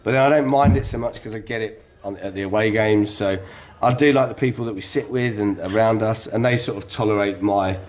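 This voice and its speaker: A man chatting casually in a pub about football, lively, laughing and swearing now and then. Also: on the low side, a little fast, hardly any pauses. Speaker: podcast co-host. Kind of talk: casual chat.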